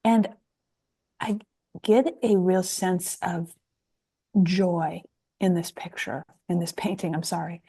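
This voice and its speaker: A woman in an online group shares her appreciation of a painting in a softly enthusiastic way. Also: on the low side, takes it slowly, pauses often, breathy edge. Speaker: group participant. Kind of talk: casual group sharing. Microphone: video call.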